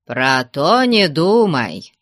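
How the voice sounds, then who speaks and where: A man's voice: a little high, expressive, slow pace, sharp tone, no echo, studio quality, exaggerated voice. A man voicing an insistent village elder. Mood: persuading. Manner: urging, admonishing. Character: persuasive older male villager, insistent.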